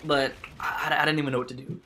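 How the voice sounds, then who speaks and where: A man's voice: on the high side, little pitch movement, fast talker, bright, forceful tone, slight background noise. A young man casually telling a storytime tale as a vlogger, slangy and emphatic, with stammering restarts.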